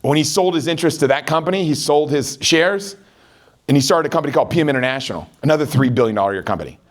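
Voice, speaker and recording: A middle-aged man giving a motivational sales training talk as a network marketing trainer, an energetic storyteller who keeps checking in with his audience. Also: fairly high pitch, rapid-fire.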